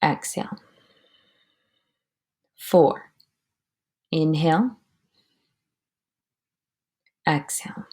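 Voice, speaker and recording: Guiding a breathing meditation, a woman gives slow instructions and counts. Her voice is fairly low, and her phrasing is very slow, calm and measured, often softening into a breathy near-whisper.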